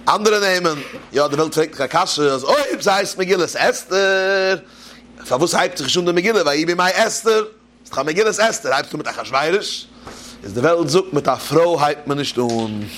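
A man's voice: a little high, lively intonation, a little fast, a bit bright. Man giving a joking religious talk. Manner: storytelling, jokes and rhetorical questions. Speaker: preacher. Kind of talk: Yiddish-style Torah talk with jokes.

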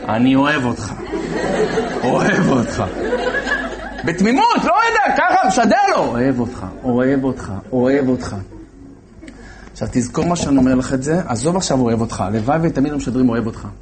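A man telling a religious story as a sermon in an animated way, acting out the voices of the characters. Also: mid-range voice, slight background noise.

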